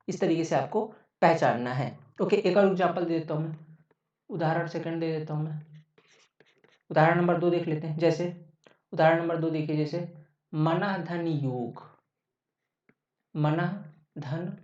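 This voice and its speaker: Giving an online lecture for exam preparation, a man goes over each point more than once and poses questions he then answers himself. He speaks a little high, with a slightly mellow quality, in a dull, distant, roomy lo-fi recording.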